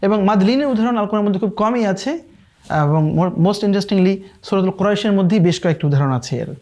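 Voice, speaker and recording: A man teaching a tajweed lesson, explaining quickly and often checking in with his listeners. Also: high voice, animated, a little mellow. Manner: explains quickly, then recites verses slowly and drawn out. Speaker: Quran recitation teacher.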